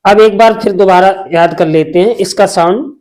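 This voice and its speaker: A man's voice: high-pitched, moderate pace, a little mellow. A man teaching Hindi spelling, drawing out and repeating syllables and answering his own questions. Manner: asks a question and answers it himself. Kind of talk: slow spelling lesson.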